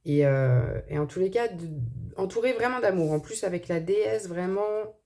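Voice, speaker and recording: A woman's voice: mid-range voice, lively intonation, normal speed, background noise. A woman with a slight lisp on her s sounds, giving an informal card reading and thinking aloud in a hesitant way. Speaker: tarot and angel card reader.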